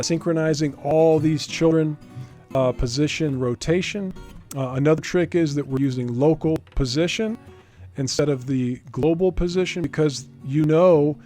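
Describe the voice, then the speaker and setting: Speaking in a slightly high, warm-toned voice, a male game developer records an informal on-screen tutorial for his software demo. He explains as he goes and reasons out loud.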